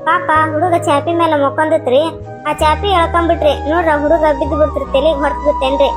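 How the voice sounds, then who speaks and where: A woman's voice: high-pitched, level tone, fast, over music, lightly acted. A woman voicing a pleading young daughter-in-law with a North Karnataka accent. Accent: North Karnataka Kannada. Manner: pleading, polite.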